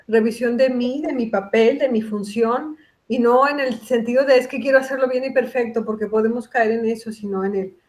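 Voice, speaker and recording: A middle-aged woman talks as a guest psychologist on a casual podcast. She is reflective and explains her ideas through examples and quoted dialogue, in a slightly high voice.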